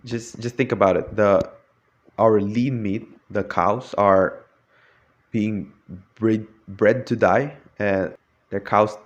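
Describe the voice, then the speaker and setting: A man's voice: on the low side, steady tone, slow pace, dull audio. Hesitant young man giving a talk. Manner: hesitant, frequent restarts and fillers. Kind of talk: prepared classroom talk.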